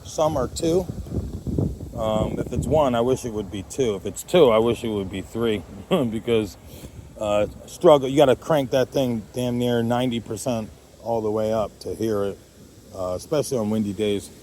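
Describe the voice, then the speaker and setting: Man, mid-pitched, casual vlog chat, rambling, jokey, hobbyist talking to viewers, faint background noise. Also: moderate pace, mellow. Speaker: amateur radio hobbyist vlogger.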